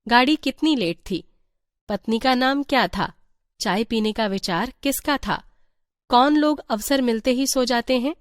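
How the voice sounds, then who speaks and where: A woman reading a teacher's guide aloud in an even, measured voice. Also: a little high, dry recording, clean studio sound. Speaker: textbook reader.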